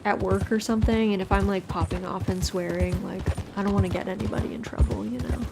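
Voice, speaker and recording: A woman's voice: mid-range voice, fairly even intonation, fast, vocal fry. An American woman chatting casually on a game livestream in a chilled, cozy way. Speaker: game streamer. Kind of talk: casual livestream chat over gameplay. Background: game music, horse hooves and animal sounds.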